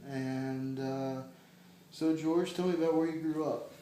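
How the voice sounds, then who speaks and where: A man's voice: a little high, fairly even intonation, a little slow, mellow, slight background noise. A man interviewing his neighbor, asking questions hesitantly with fillers and restarts. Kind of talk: casual oral history interview. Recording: echoey room.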